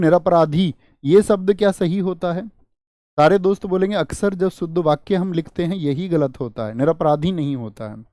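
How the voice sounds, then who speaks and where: A man's voice: sits high, darkish tone, dry recording, studio quality. Man quizzing students in a spelling lesson. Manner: quizzing students with repeated rhetorical questions; addresses viewers as friends and brother. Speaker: teacher. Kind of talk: exam-prep Hindi spelling lesson.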